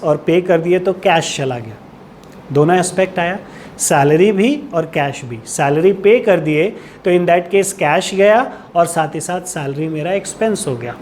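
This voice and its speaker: A man's voice: high voice, darkish tone, slight background noise. A man with an Indian accent giving an accounting lecture, patiently restating each point and asking rhetorical questions to check understanding. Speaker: accounting teacher. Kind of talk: classroom lecture.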